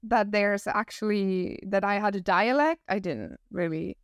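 A woman in her thirties with a northern German accent, talking as a podcast guest. She tells her story in a reflective, animated way and laughs often. Her voice is smooth and clear, recorded dry and close. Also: medium pitch, measured pace, no room sound. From northern Germany, near Hamburg. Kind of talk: casual interview conversation.

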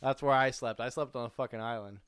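Dude on a podcast swearing constantly, laid back, telling road trip stories, mid voice, dry close mic. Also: male voice, mid-range voice, steady tone, fast, a bit bright, clear, resonant tone, dry recording. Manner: profane, laid-back storytelling with frequent restarts. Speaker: podcast co-host. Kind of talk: casual chat, swapping road-trip stories.

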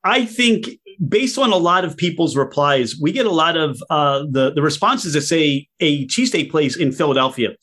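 A man with a fairly high voice hosts a casual interview. His delivery is very animated, swinging up and down in pitch as he jokes and asks playful questions. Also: moderate pace, few pauses. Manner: joking. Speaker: interview host.

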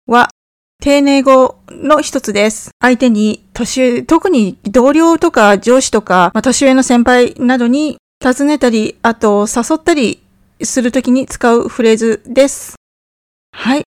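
A woman with a fairly high voice teaches English, explaining phrases and leading repeat-after-me drills at a measured pace. Her English lines come across as friendly and encouraging. The recording is dry and close, with no room sound.

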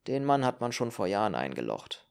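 A man's voice: fairly low pitch, very animated, fairly quick, gravelly, clean tone. A man voicing a world-weary, cynical male politician with dry, sardonic remarks in an audiobook. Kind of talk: audiobook character reading.

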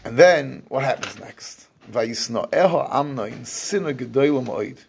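A man's voice: mid-range voice, lively intonation, measured pace, gravelly, darkish tone, a little hiss or hum. A man teaching a scripture class, explaining verses at length and often restarting his phrases. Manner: explains in English with Hebrew terms, restarts often. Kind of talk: lecturing on scripture.

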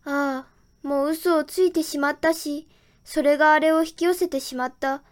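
A woman's voice: sits high, steady tone, normal speed. A woman reading a children's story aloud in the first person, in a plain storytelling manner. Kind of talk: scripted children's story narration.

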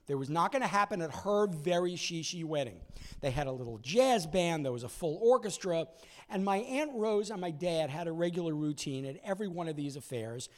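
A man in his sixties telling a personal story in an animated way, acting out voices and moments from it. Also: fairly high pitch.

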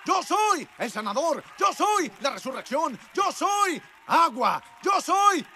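A preacher voicing God, proclaiming and shouting in slow, drawn-out lines during a sermon. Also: male voice, very high voice, big pitch swings, some chatter behind, a little hiss or hum, pitched above the performer's own voice, full character voice. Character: God speaking, booming and majestic.

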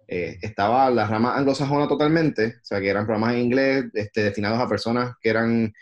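A man with a Puerto Rican Spanish accent, a podcast guest who once worked in sports television, talking things through slowly with many fillers. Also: medium pitch, muffled recording. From Puerto Rico. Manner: thoughtful, many fillers like "este". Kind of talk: casual podcast chat.

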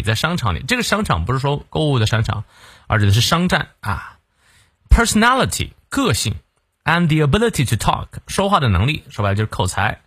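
Male English teacher, husky tone, explains each phrase with fillers, reads English slowly, dry close sound. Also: medium pitch, a bit bright, dry recording. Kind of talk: morning English reading lesson.

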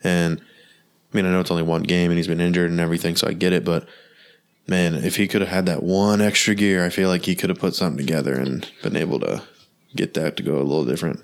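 A man's voice: low-pitched, steady tone, fast, vocal fry. A man co-hosting a sports podcast while sick, his voice congested and nasal, talking in a rambling way full of fillers. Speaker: co-host. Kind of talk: casual sports podcast chat.

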